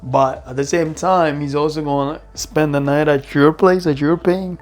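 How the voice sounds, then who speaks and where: A man with a slightly higher-pitched voice gives loose, slangy commentary as a podcast co-host. He keeps dropping "bro" and chuckles between his points, with a relaxed, conversational delivery. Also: normal speed, soft background music.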